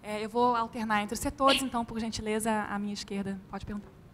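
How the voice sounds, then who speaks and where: A woman moderating a panel discussion, organized and polite, giving clear instructions. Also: fairly high pitch, steady tone, quick pace, big-room sound, slight background noise.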